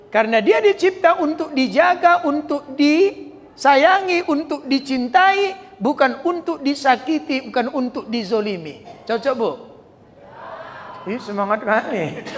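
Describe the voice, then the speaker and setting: A male preacher with a Medan accent giving a humorous sermon in a mosque, joking and acting out little scenes. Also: very high-pitched. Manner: joking, animated storytelling, acts out characters. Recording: long hall reverb.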